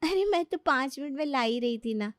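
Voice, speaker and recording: A woman voicing a lazy, carefree young bride who talks in a drowsy, drawn-out voice. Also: sits high, expressive, no echo, clean studio sound, pitched above the performer's own voice. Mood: breezy, carefree.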